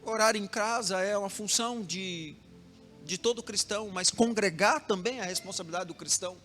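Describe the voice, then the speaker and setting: A man's voice: sits high, moderate pace, pushed and bright. A young man with a Brazilian Portuguese accent preaching a sermon as pastor, telling a story with rhythmic repetition and speaking straight to the congregation. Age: young adult. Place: church hall. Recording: long hall reverb with music behind.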